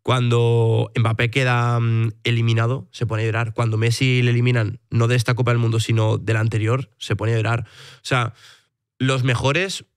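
A man's voice: medium pitch, level tone, moderate pace, smooth, dry recording, studio quality. A man from in a casual esports podcast, earnestly explaining himself with lots of hedges and tag questions. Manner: earnest, explains with many hedging tags. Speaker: podcast guest defending his own comments.

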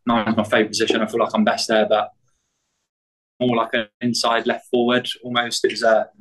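A soccer player giving hesitant post-match answers to the press, full of fillers and restarts. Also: male voice, fairly low pitch, completely flat delivery, brisk, a bit bright, low-quality recording.

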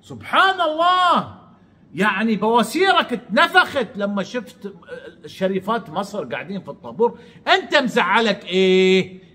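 Angry mocking man, high lively voice. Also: moderate pace. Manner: mocking, insulting, sarcastic. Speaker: online commentator. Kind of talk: angry ranting commentary.

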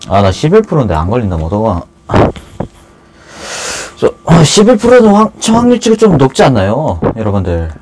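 A man giving casual commentary on an online game he is playing, swinging between loud cheers and nervous muttering. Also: mid-range voice, huge pitch swings, moderate pace, a little hiss or hum, poor audio. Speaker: gaming YouTuber.

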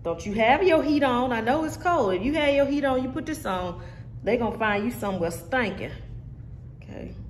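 Seated indoors against a brick wall, a thirtysomething woman jokes around with her audience in a sassy vlog-style wig review. Her pitch sits in the middle range, and the recording has a roomy quality with a bit of background noise.

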